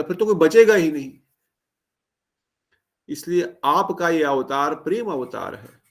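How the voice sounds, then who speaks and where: A man's voice: fairly high pitch, vocal fry. A man giving a devotional discourse, retelling a sacred story with acted-out dialogue and questions to the listeners. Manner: animated, acts out dialogue, asks audience questions. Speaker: preacher.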